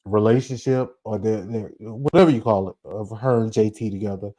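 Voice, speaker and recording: This celebrity gossip vlogger is a man in his forties with a lowish, dark voice that stays steady and moves a little fast. Addressing viewers directly, he keeps things chatty and loose, full of side comments and repeated rhetorical "okay?"s.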